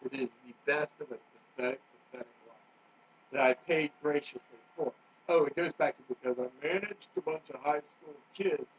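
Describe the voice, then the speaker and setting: A middle-aged man in a rambling monologue, agitated, jumping from topic to topic and swinging between loud outbursts and low muttering. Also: moderate pace. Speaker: vlogger. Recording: dull lo-fi recording with faint noise.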